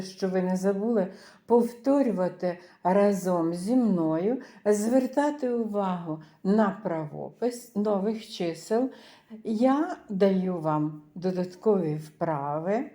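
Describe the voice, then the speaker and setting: Woman teacher, lively pitch, echoey room, slow repetition drills. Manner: slow, drawn-out repetition of words for learners. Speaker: English teacher. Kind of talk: beginner language lesson.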